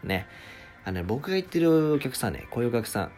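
A man's voice: mid-range voice, very animated, fast talker, a little mellow, soft background music. A man hosting a casual solo talk show, ranting in exasperation and acting out customers' lines. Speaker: podcast host, former restaurant part-timer.

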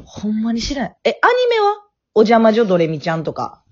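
A young woman with a Kansai accent teases her friend through a casual podcast chat. Her husky voice swings widely in pitch. She calls in from her family home, and the line sounds dull and lo-fi. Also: wildly swooping pitch, a little mellow. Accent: Kansai Japanese. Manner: teasing, quick banter. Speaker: podcast co-host. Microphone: remote call. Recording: dull lo-fi audio.

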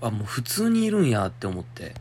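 Chatty Kansai man, lively low voice. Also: brisk, a little hiss or hum. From Shiga, Japan. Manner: chatty, muttering to himself, laughing. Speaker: podcast host. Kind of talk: solo radio talk, reading a listener letter.

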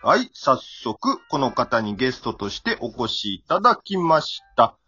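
Man talking in a put-on deep voice. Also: very animated, pushed and bright, husky, muffled recording, soft background music. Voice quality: deliberately lowered, put-on deep voice. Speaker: podcast host. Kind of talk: casual podcast chat.

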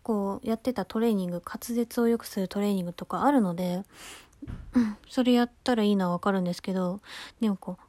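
A woman's voice: medium pitch, a little mellow, no echo. A young woman hosting her own podcast, chatting casually, rambling, laughing often and poking fun at herself. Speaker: podcast host. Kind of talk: casual solo chat.

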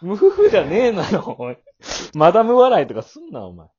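A man co-hosting a casual podcast chat, scolding his partner in mock anger with sudden shouted jabs. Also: high voice, huge pitch swings, brisk, slightly rough, dull audio. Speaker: podcast co-host.

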